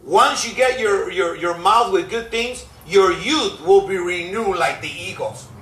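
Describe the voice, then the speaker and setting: Man pastor, bilingual sermon, emphatic and repetitive, sharp high voice, distant mic in a roomy hall. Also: slow pace. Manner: emphatic, repeats each phrase in Spanish and English. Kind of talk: bilingual sermon, translating himself line by line. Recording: echoey hall, mic far off.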